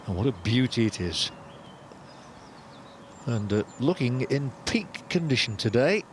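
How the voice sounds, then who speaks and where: A man's voice: mid-range voice, sing-song, unhurried, slight background noise. A man presenting as lead golf commentator, conversational and inclined to put questions to his colleagues.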